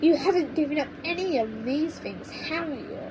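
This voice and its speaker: A woman acts out a young storybook boy of eight, high and animated in pitch. He is polite but doubtful, protesting in an easily dismayed way over faint background noise. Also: normal speed. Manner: pleading, protesting. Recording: noisy low-quality home microphone recording.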